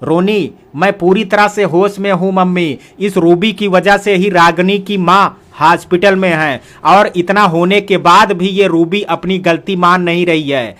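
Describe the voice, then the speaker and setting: A stern young brother, as a man reads him aloud, scolding his sister in an earnest voice. The voice sits high for a man. It is a storybook character in a Hindi audio tale. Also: fairly even intonation, measured pace, hardly any pauses, fairly bright tone. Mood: angry. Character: young adult brother, stern but patient.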